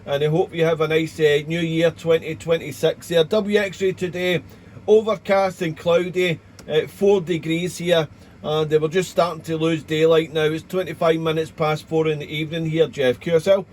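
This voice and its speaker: A man's voice: on the high side, little pitch movement, moderate pace, darkish tone. A man speaking as an amateur radio operator in a chatty, rambling, courteous way, with call signs and radio procedure words. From Wales, United Kingdom. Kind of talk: casual ham radio contact with call signs.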